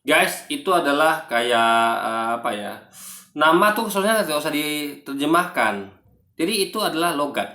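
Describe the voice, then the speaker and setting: A man's voice: a little high, animated, normal speed, bright, forceful tone. A man giving rambling, casual video commentary, full of fillers and remarks to his viewers. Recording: roomy echo.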